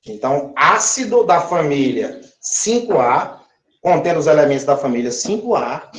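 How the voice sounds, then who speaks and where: A man's voice: a little high, expressive, normal speed, a little hiss or hum. A man teaching chemistry, drawing out words and often checking that his listeners follow. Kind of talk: recorded classroom lesson. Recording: echoey room.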